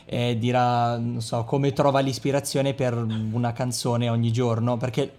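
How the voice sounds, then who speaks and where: A man co-hosting a casual podcast chat, playful and giggly with quick asides. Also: medium pitch, level tone, darkish tone. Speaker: podcast co-host.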